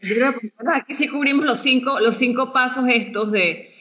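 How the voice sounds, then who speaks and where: A woman's voice: high voice, brisk, pushed and bright. Woman podcast host summing up the talk. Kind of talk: casual podcast conversation.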